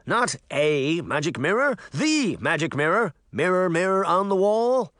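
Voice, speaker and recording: A man's voice: a little high, big pitch swings, moderate pace, pushed and bright, no echo, studio quality, voice pushed up, full character voice. A man voicing a vain, theatrical magic mirror that brags and sulks in a showy way. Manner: pompous, showy bragging.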